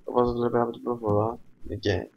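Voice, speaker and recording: A man with a Cypriot Greek accent doing let's play commentary, excitable, swearing often, with sudden loud outbursts. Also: medium pitch, creaky, dull audio. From Cyprus. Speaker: gamer.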